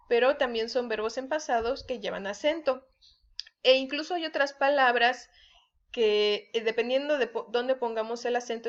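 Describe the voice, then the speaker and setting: A woman teaching spelling rules to students, patiently checking in and acting out example sentences. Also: fairly high pitch. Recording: dull lo-fi recording.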